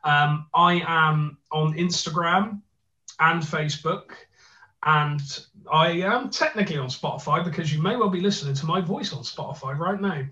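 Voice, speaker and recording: A man with a gruff voice and a Bristolian accent, co-hosting a podcast in a jokey, playful, casual way. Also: fairly high pitch, moderate pace, bright, forceful tone. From Bristol, England. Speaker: podcast co-host. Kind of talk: casual chat, plugging and bantering. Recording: roomy echo, distant mic, slightly dull.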